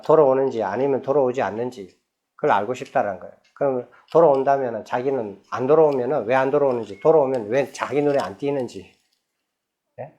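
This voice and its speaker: Buddhist monk giving a chatty sutra lecture. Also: male voice, medium pitch, darkish tone. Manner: conversational, asks the audience rhetorical questions; reads scripture passages aloud, then explains them in plain speech.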